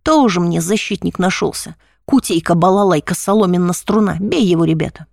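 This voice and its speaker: Woman doing a sneery street thug guy, mocking, low, dry sound. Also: brisk, vocal fry, a little mellow, no echo. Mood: snarling. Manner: mocking, taunting. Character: tall shaggy ragged male street bully, sneering.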